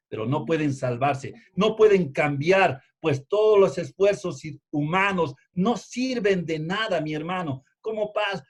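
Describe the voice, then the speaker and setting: A man preaching a sermon, emphatic, repeating key phrases and swinging between loud and hushed delivery. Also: fairly high pitch. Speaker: pastor.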